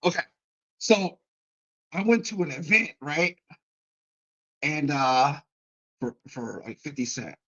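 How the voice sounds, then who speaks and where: A man on a livestream telling a story from his own life in a casual, animated way, swearing freely and restarting often. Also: on the high side, slow pace, pauses often, lo-fi sound. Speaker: guest.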